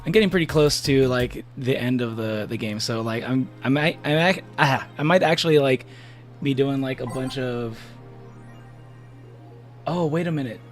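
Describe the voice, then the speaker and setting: Faint music plays behind a mid-range male voice at normal speed. It's relaxed gaming-stream banter with viewers: meandering, laugh-filled, and peppered with restarts and filler words.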